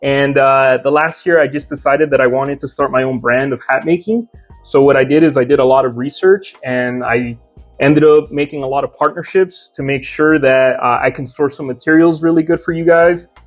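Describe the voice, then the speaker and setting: A young Mexican man who makes hats and owns a hat shop chats in an interview, explaining his craft step by step with plenty of "uh"s. His voice is medium-pitched at normal speed, with faint music in the background.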